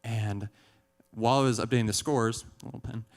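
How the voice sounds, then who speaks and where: A young man performing a stand-up comedy set on stage, deadpan and chuckling at his own jokes. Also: mid-range voice, brisk, vocal fry. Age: young adult. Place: stage in a large hall. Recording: live hall with long reverb.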